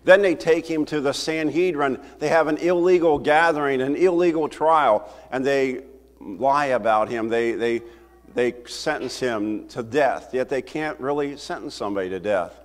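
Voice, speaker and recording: An older man preaching a sermon from a church pulpit, talking to the congregation in a conversational, animated way. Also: mid-range voice, moderate pace. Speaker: pastor. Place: church sanctuary, at a wooden pulpit. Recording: roomy hall reverb from the sanctuary.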